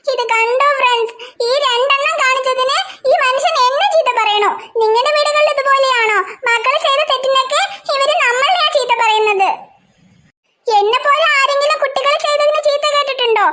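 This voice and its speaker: A woman's voice: very high-pitched, normal speed. A woman voicing a harried cartoon mother who scolds her children and complains to her husband. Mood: chatty. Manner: scolding, exasperated, chatty asides to viewers. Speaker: channel host. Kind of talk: cartoon voice acting. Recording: loud background noise.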